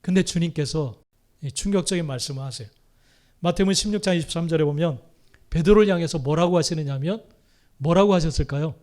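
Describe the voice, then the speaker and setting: High-voiced man preaching a dramatic sermon. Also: quick pace, a little mellow. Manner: dramatic, acts out quoted lines with swings in volume. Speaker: pastor.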